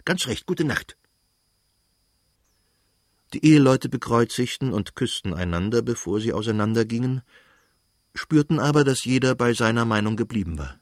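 A man calmly reading a novel aloud as an audiobook narrator in a measured way. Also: medium pitch, no room sound, studio quality. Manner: calm, measured storytelling.

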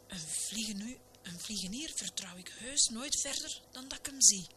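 A woman's voice: on the high side, lively intonation, moderate pace, over a noisy crowd, pitched above the performer's own voice, lightly acted. A woman whispering as a fussy old-fashioned pastor, whispered role-play. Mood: fussing. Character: fussy kindly male village pastor. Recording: noisy recording.

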